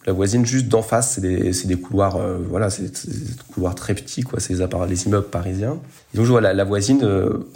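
A man's voice: lowish voice, darkish tone. A young man telling a personal story in a casual, rambling way, full of fillers and slang. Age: young adult.

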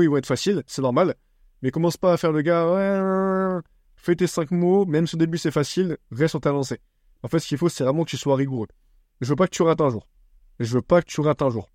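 A man's voice: on the high side, a little mellow, dry recording, studio quality. A young man from France hosting a casual solo podcast, talking bluntly and teasingly in slang, calling the listener bro. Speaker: podcast host.

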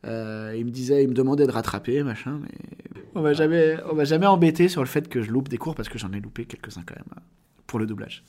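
A man's voice: mid-range voice, quick pace, dark tone. Chatty man, voice actor guest. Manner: explains at length with frequent hesitations and fillers. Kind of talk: casual podcast interview.

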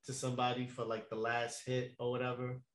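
A man's voice: mid-range voice, completely flat delivery, a little fast, a bit bright. A young man telling a long story in a casual chat, laid-back and slangy, with lots of fillers and laughs. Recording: echoey room.

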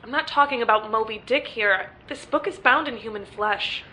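Woman doing a no-nonsense young friend, bright sharp tone, bit of hiss. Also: fairly high pitch, moderate pace, rough recording.

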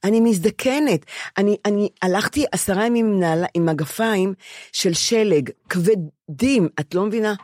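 An older woman in her seventies speaks in a candid, personal way, at an average pitch for a woman. She halts often, restarting and repeating words as she searches for them. Her voice is recorded close to the mic in a dry, dead space. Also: a little mellow, no echo. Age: 70s. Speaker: podcast co-host. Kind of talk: candid conversation.

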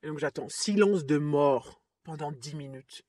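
A woman hosting a podcast, telling a personal story in a casual, lively way with frequent laughs and fillers. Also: low voice, unhurried, no room sound. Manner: lively, chatty, laughs often, trails off with fillers. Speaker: podcast host.

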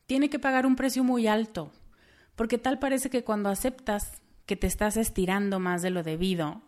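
A woman with a Mexican accent talks through a solo podcast episode in a mid-pitched voice. She speaks earnestly and straight to the listener. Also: a little mellow. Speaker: podcast host.

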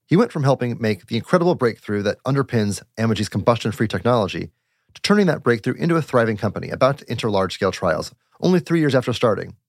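A man's voice: mid-range voice, very animated, fast, no room sound, studio quality. A man hosting a podcast, introducing a guest and asking upbeat interview questions. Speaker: podcast host.

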